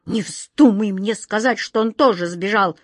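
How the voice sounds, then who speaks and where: A woman's voice: medium pitch, unhurried, dry recording, clean studio sound, natural voice. A woman doing a fretful pompous old king. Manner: imperious, whiny, easily flustered. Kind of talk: storybook character voice.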